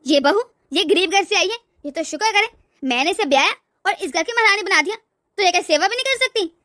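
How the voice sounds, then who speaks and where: A woman's voice: extremely high pitch, expressive, brisk, sharp tone, no room sound, studio quality, exaggerated voice. A woman voicing a bossy, scornful older mother-in-law in a cartoon, nagging and haughty. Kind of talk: cartoon voice acting.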